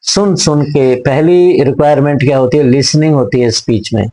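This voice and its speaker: A man lecturing on speaking skills, who reads each English tip slowly and then explains it in Hindi, often repeating a point in several words. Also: medium pitch, mellow, poor audio. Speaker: teacher.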